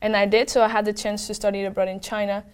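A woman's voice: medium pitch, level tone, quick pace, clear, resonant tone. A young woman from Venezuela, a native Spanish speaker working as a program manager, answering interview questions in casual chat with many fillers. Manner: upbeat, lots of fillers and restarts.

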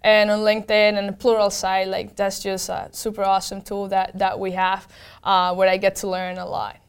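This interview guest, a tech program manager, has a smooth, monotone, mid-range voice and keeps a moderate pace. She's a native Spanish speaker with a Venezuelan accent, and she answers the questions with informal enthusiasm.

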